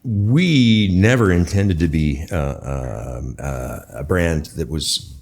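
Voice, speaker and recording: Deep-voiced man explaining thoughtfully. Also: animated, gravelly, darkish tone. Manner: thoughtful, halting explanations with pauses. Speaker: guest expert, bass maker. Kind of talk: conversational interview answers.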